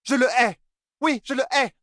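A man's voice: fairly high pitch, quick pace, no echo, clean studio sound, voice pushed up, close to an everyday voice. A man voicing a proud, fierce young woman warrior who bursts out or gives in grudgingly, in a fantasy audiobook. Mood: defiant.

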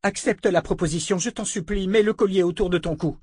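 A man's voice: high voice, moderate pace, no room sound, clean studio sound, voice pushed up. A man voicing a young woman inquisitor, urgent and emphatic, in a raised voice, as part of an audiobook reading. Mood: pleading. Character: desperate young woman inquisitor, fierce and pleading.

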